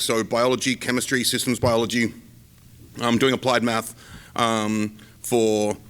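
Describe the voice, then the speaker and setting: A man's voice: medium pitch, bright, forceful tone. A man instructor welcoming an audience to a conference workshop in a chatty, upbeat way, slightly losing his voice. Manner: chatty, upbeat, self-deprecating asides. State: losing his voice, talking around a lozenge. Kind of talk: workshop introduction to a live audience.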